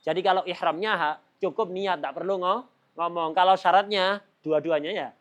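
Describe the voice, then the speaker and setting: A man's voice: sits high, fairly even intonation, moderate pace, fairly bright tone. A man teaching a religious study lesson, often cutting off mid-word to repeat it and putting rhetorical questions to his listeners. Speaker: Islamic teacher.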